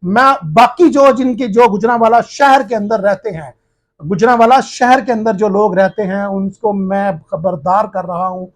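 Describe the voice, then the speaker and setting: A male journalist from Pakistan, addressing viewers in a forceful, accusing, challenging tone. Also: high-pitched.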